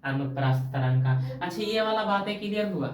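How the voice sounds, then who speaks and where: A woman's voice: medium pitch, lively intonation, a little fast. A woman teacher with a Magahi-tinged Bihari Hindi accent, teaching a coaching-class science lesson in a colloquial, homely way, quizzing the class with call-and-response questions. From Bihar, India. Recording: echoey room, voice far from mic.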